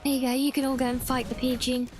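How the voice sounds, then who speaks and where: A woman's voice: sits high, level tone, fast talker, faint music behind. A woman giving casual, rambling game commentary, thinking aloud as a streamer.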